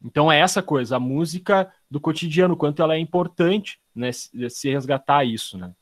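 A man's voice: a little high, fairly quick, no echo, studio quality. A man speaking in a casual video call discussion, thoughtful, with many fillers and restarts. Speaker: study group participant.

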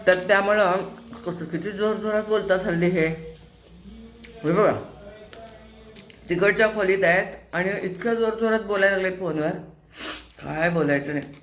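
A woman's voice: mid-range voice, unhurried, pauses often, roomy sound. An older woman, host of a home vlog, chatting casually while cooking, asking rhetorical questions and scolding in a homely way. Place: home kitchen.

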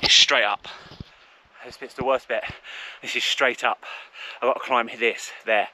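A man's voice: medium pitch, fairly even intonation, normal speed, bright, forceful tone, slight background noise, poor audio. A man filming himself as he climbs a steep mountain trail outdoors, out of breath and jittery, exclaiming about the heights. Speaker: vlogger. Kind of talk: casual vlog narration while hiking.

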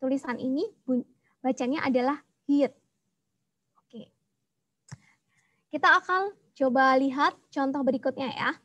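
A young woman teaches a language lesson in a high, clear voice, patiently repeating each key sound. The recording is dry and close, with no room echo. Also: measured pace, pauses often, a bit bright, muffled recording.

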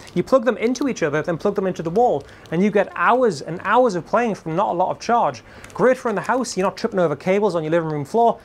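A man with a Geordie accent presenting gear in an upbeat, chatty product demo to camera. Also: high voice. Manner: upbeat, chatty salesman patter. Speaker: music shop video presenter.

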